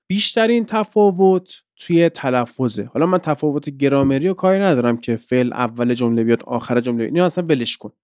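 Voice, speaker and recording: Clear-voiced man teaching pronunciation. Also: medium pitch, expressive, few pauses, darkish tone, no echo, studio quality. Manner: conversational, explains with examples. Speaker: English teacher and podcast host. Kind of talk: explanatory podcast lesson.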